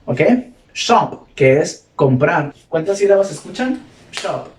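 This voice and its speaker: A man teaching a classroom grammar lesson, who quizzes his students and repeats example words slowly. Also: on the high side, lively intonation. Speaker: English teacher. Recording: echoey room, mic far off.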